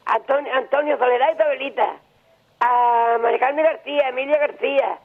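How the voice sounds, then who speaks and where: Older male caller, unusually high pitch, halting casual talk, narrow telephone sound. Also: fairly even intonation, creaky. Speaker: radio phone-in caller. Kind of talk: casual chat. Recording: tinny telephone line on radio.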